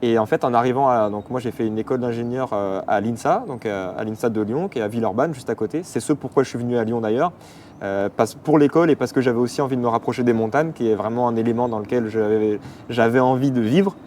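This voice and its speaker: Young man from the Paris region, quick casual guest talk full of fillers, faint noise behind. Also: medium pitch, a little mellow. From Paris region, France. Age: 20s. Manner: rapid, hesitant with many fillers. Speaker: athlete guest. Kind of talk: casual interview.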